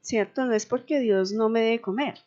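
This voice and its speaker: A woman's voice: on the high side, normal speed, a little mellow. Hesitant woman co-hosting a radio talk. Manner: thinks aloud, hesitant restarts. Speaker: radio co-host. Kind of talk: radio conversation. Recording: dull radio recording with faint music.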